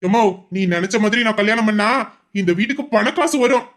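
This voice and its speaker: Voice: medium pitch, quick pace, fairly bright tone, close to an everyday voice. A performer voicing a domineering, boastful young man with an obsessive streak, in an audio drama. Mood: defiant boasting. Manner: boastful, menacing.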